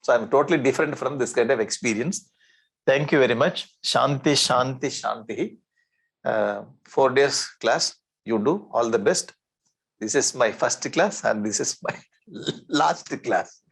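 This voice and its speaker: A man with a South Indian accent giving a spiritual discourse in an animated, conversational way, repeating phrases and asking rhetorical questions. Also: medium pitch, unhurried, vocal fry, slightly rough. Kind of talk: spiritual discourse with Sanskrit verse recitation.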